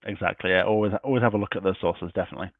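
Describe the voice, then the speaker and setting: In an online session, a man with a deep voice races through university admissions information, walking through slides point by point while losing his voice. The call audio is tinny and dry, with no room sound.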